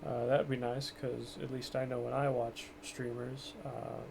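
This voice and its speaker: A man with a gravelly, monotone voice of medium pitch streams a game from home, speaking a little slowly in a flat, rambling, self-deprecating way while keeping quiet for others in the house. His casual gameplay commentary comes through a cheap mic with lots of hiss, and the game's engine sounds run beneath him.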